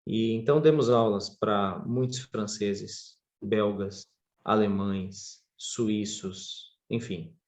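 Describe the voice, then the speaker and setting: A man from Brazil, a podcast guest and surf instructor telling stories in a casual interview, his pitch jumping up expressively. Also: fairly even intonation, slow.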